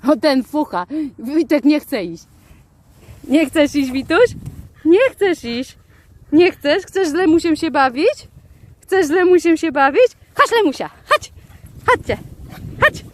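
A woman talking to her dogs outdoors in the fields, in a sing-song baby-talk voice, calling out commands and squealing with excitement. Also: sits high, slow pace, long pauses. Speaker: dog owner vlogger.

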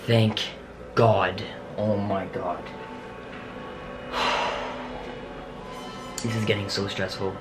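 A young man with a slightly low voice vlogs a paranormal challenge in a dramatic, urgent manner full of exclamations and sighs. He is recorded by a camera in a small room, with music clearly audible behind him. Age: young adult. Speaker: vlogger. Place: small home office indoors.

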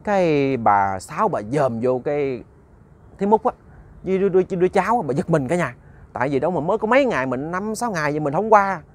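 A man's voice: a little high, animated, fast. A man narrating a ghost story conversationally, often repeating words and talking to his listeners.

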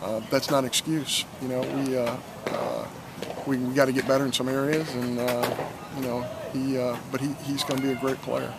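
A man's voice: medium pitch, flat delivery, normal speed, vocal fry, background noise. A middle-aged man, a head baseball coach, gives an earnest postgame interview at a stadium at night, often repeating words as he restarts.

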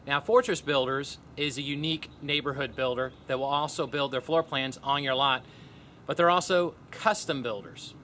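A man, a real estate team leader giving a scripted update to camera outdoors by a pond, upbeat and lifting his pitch on key points. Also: fairly even intonation, moderate pace, sharp tone, a little hiss or hum.

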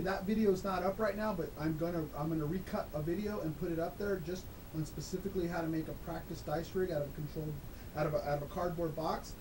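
A man talking through a voice disguiser, explaining things casually and emphatically as an interview guest, often checking in with "okay?". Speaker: guest, dice-control instructor. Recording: clear background noise with low rumble.

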